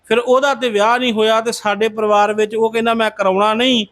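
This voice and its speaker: A man's voice: high-pitched, level tone, fast talker, fairly bright tone. A man telling a devotional Sikh story in a conversational way, respectfully addressing his listeners as a congregation.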